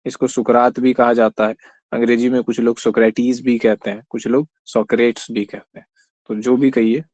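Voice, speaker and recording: A man's voice: medium pitch, level tone, moderate pace, darkish tone, dry recording. A man gives an online exam-prep lecture in a mid-range voice. He works through each point patiently, throws questions to his students and slips English terms into his explanations. The sound is close and dry, with a slightly muffled, lo-fi quality. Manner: explains step by step, quizzes students, often says "theek hai". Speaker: teacher. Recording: slightly dull lo-fi recording.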